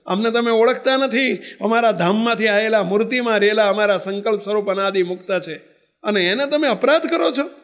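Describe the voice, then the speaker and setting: Brief: man playing a commanding male deity, admonishing, in a high voice. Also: fairly quick, fairly bright tone. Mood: stern. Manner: admonishing, authoritative. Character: stern, commanding divine lord, male.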